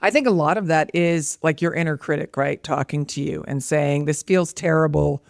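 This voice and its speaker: A woman's voice: sits low, brisk, gravelly, dry recording, studio quality. A woman in her fifties, a guest on a podcast interview, telling stories in an upbeat, frank way. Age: 50s. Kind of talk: conversational interview.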